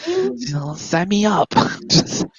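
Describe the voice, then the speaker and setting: Man doing stand-up, lively pitch. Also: slow, husky, lo-fi sound. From Taiwan. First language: Mandarin Chinese. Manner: laughs at his own jokes, voice jumps high for punchlines. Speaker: stand-up comedian. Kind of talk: stand-up comedy set.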